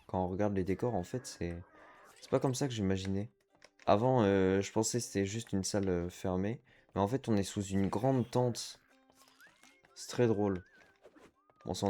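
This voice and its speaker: Casual gamer muttering over play. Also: male voice, deep voice, dark tone. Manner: chatty, reacts aloud to the game, mixes in English slang. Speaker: gaming streamer. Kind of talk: casual let's-play commentary.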